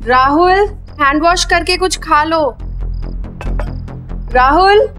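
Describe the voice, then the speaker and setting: A caring mother in a family drama, played by an actress, calling softly and coaxingly to her son. Her voice sits high and clear. Music plays faintly behind her. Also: expressive, brisk.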